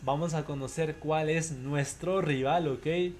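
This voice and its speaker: A young man streaming a football video game live, chatty and excitable, greeting viewers by name as he plays. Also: fairly high pitch, slow, a little hiss or hum. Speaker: gaming streamer. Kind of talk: live gameplay commentary with chat shout-outs.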